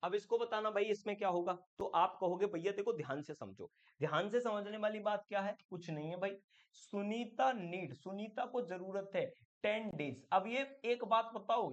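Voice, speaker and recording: Dull audio captures a high-pitched man leading an exam-prep grammar lesson in English. He talks chattily, refers to the viewer as "my friend," and asks questions only to answer them himself.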